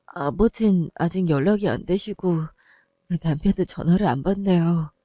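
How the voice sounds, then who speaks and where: A woman's voice: lowish voice, normal speed, mellow, no echo, studio quality, pitched below the performer's own voice, natural voice. A woman voicing a distraught young wife and daughter who pleads and cries out in a one-voice audio drama. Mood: strained. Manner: pleading, rising to anguished cries.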